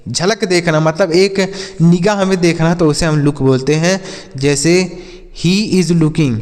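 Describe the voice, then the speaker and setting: Male language teacher, slow and drilled, slightly high voice, long reverb around him. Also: a little mellow. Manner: slow, repetitive teaching with questions to viewers. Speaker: English teacher. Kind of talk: Hindi-language English vocabulary lesson.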